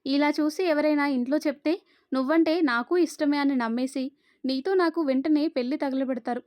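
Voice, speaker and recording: Flustered village girl, sharp-tongued, protesting, read by a woman in a high voice, dry sound. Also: moderate pace, dry recording, lightly acted.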